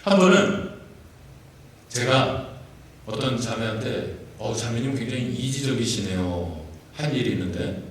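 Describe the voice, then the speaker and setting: A man's voice: medium pitch, lively intonation, measured pace, a little hiss or hum. A male pastor giving a playful sermon, joking and asking his congregation questions. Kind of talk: sermon with jokes and congregation interaction. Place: church sanctuary. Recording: echoey church hall, mic at a distance.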